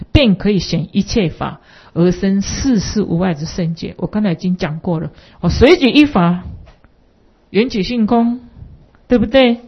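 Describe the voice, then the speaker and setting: A woman's voice: mid-range voice, breathy edge. A woman giving a Buddhist dharma lecture with anecdotes, rambling with many fillers and rhetorical questions, on a dull lo-fi recording.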